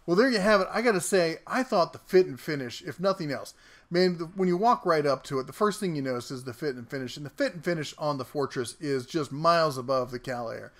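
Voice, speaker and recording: Brief: joking male tool reviewer, slightly high voice, chatty garage demo delivery. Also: lively intonation, a little fast, fairly bright tone. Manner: wisecracking, talks while working. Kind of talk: casual product review. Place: home workshop garage.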